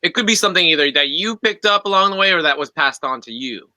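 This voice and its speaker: Man host, higher bright voice, dry sound, friendly questions. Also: expressive, quick pace, dry recording, rough recording. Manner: upbeat, asks questions, laughs easily. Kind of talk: casual chat.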